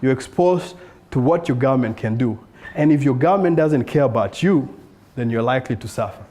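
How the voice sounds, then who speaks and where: An earnest South Sudanese founder pitches his startup to a live conference audience in an event room. His mellow, somewhat dark voice is expressive and a little fast, lifting on rhetorical questions.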